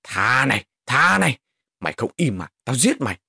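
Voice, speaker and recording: Brief: cruel village brute in a spoken horror story, loud snarling threats, played by the narrator, husky. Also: male voice, medium pitch, very animated, moderate pace, no echo, studio quality, heavily acted. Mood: menacing.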